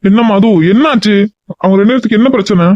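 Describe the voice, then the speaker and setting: Gruff grumbling dad, woman putting on a deep voice, dull dry lo-fi sound. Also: fast, darkish tone, dry recording, natural voice. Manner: grumbling, scolding. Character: middle-aged father, gruff and puzzled.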